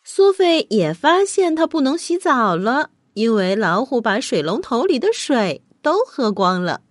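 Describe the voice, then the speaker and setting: A woman's voice: a little high, a little slow, no echo, studio quality. A woman hosting a children's bedtime story show, narrating expressively as if speaking straight to young listeners. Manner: expressive, addresses children with questions.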